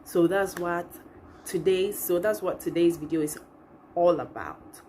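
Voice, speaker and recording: Her voice is lowish and darkish, her pace measured, with a bit of hiss or hum on the recording. A young Ghanaian-accented channel host, she chats casually and expressively to camera from her living room while background music plays.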